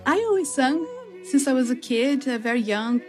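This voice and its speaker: Over background music, a classical singer from southern Brazil shares personal stories as an interview guest, her Brazilian accent clear. Her voice sits high and her pace is moderate.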